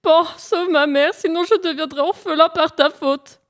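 High, whining storybook hare, sly and lazy, voiced by a woman. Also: fairly even intonation, moderate pace. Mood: whiny pleading. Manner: whining and pleading. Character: lazy cunning young male hare, whiny.

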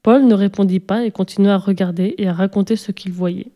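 Woman narrator, children's story read aloud, mellow dark tone, mid pitch, steady and even. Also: brisk.

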